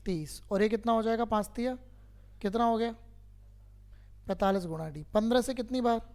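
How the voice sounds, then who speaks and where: Guy teaching math to a class, pretty high voice, keeps asking the students questions. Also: normal speed, darkish tone. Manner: keeps quizzing students, repeats steps patiently.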